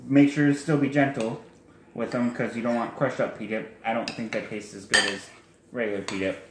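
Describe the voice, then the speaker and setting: A young man speaks briskly in a steady, mid-range voice while casually showing a recipe at home, recorded on a handheld phone camera. The kitchen is echoey and very noisy with faint clatter, and as a cooking vlogger he rambles, self-corrects and drifts into chatty asides.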